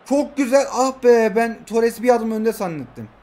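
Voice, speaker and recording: A man in his twenties commenting his own mobile football match, shouting at his players in excited outbursts and dropping into low muttered asides between them. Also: normal speed. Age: 20s. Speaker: mobile football gamer streamer. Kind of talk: live gameplay commentary.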